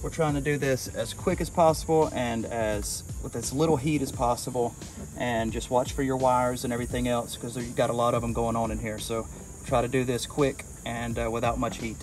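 A man's voice: medium pitch, fairly even intonation, normal speed, soft background music. A man working as an HVAC technician, explaining a repair outdoors in a casual, plain-spoken way with fillers. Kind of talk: on-the-job explaining. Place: outdoors at an air conditioning unit.

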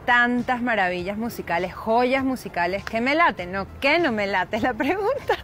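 Animated Venezuelan woman in a street interview. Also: a little high, moderate pace. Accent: Caracas Venezuelan Spanish. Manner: animated, laughing. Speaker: singer and singing teacher.

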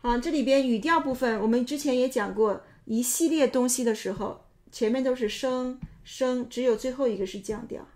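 A woman's voice: fairly high pitch, moderate pace, few pauses, a little mellow. Methodical woman pronunciation instructor. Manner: methodical, explains step by step. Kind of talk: explanatory lesson narration.

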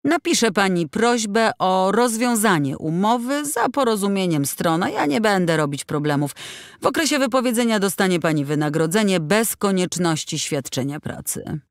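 A woman reading an audiobook, voicing a cold, dismissive male company director who speaks in a calm, curt, bureaucratic way. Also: mid-range voice, moderate pace, no echo, clean studio sound, voice pushed up, close to an everyday voice. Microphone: close studio mic.

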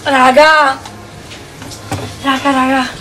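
A woman's voice: sits high, flat delivery, very slow, noisy background. A teenage young woman hosting a casual challenge vlog, exclamatory and playfully protesting, recorded outdoors on a camera mic. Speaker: YouTube host. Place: small outdoor paved courtyard by a wall.

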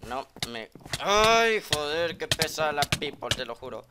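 A man giving live, excitable game commentary as a gaming video creator, joking and trash-talking opponents, recorded over loud background noise and keyboard clicks. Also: a little high, moderate pace. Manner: excitable, jokey trash talk aimed at opponents.

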